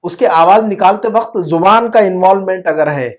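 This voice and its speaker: Patient teacher on a video call class. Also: medium pitch. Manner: patient, repeats words and checks understanding often; mixes English terms into explanations. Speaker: Arabic teacher. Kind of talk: online class explained in Urdu.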